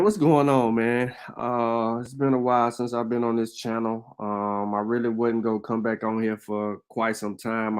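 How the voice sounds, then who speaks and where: A man with a fairly low voice speaks to his channel in a loose, unscripted monologue. He pauses often on fillers and restarts, then pushes his voice up and out when he drives a point home. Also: clean tone. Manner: hesitant, many fillers, grows louder and higher when stressing a point. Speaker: channel host. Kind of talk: casual commentary monologue.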